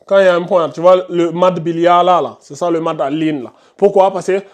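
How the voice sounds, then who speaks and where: A man teaching Quran recitation to a class in a classroom, explaining patiently, repeating himself and firmly hushing chatty students. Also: high-pitched, steady tone, fairly quick, highs cut off. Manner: firm, scolds chatty students and asks the class questions; explains patiently with many repetitions. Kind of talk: classroom tajwid lesson.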